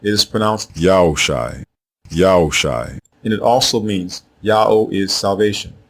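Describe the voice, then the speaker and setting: A man reads a scripted lesson in a somewhat low voice. He is measured and deliberate, spelling out letters and saying each name slowly twice. A faint noise sits under the recording. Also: level tone, a bit bright. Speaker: teacher of Hebrew names. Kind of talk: scripted narration.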